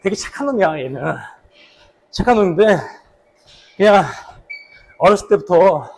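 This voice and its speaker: Husky higher-pitched man talking while running. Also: animated, normal speed. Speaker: actor, vlog host. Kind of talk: casual vlog reminiscing about a past drama role.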